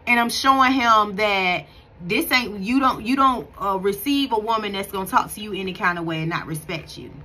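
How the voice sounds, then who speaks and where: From a bright room in her home, a faith vlogger in her thirties speaks to her viewers with casual devotional encouragement, captured at close range on a phone camera. Earnest and preachy but conversational, she keeps restarting, her medium-pitched voice pushed and bright at a normal speed.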